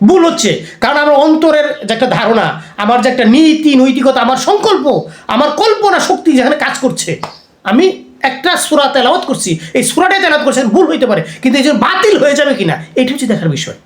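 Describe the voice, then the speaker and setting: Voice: high voice, sing-song, fast talker, reverberant. An Islamic preacher giving a conversational religious lecture, often putting rhetorical questions to the listeners.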